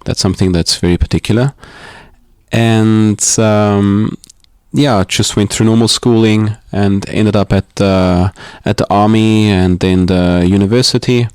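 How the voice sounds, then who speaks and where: A man from Austria talks through his life story as a podcast guest in a living room. His voice sits fairly low, and he pauses often with ums and restarts as he thinks aloud. The sound is close and dry. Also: steady tone, a little mellow, smooth, no echo. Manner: hesitant, reflective, with many ums and restarts. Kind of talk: casual interview talk.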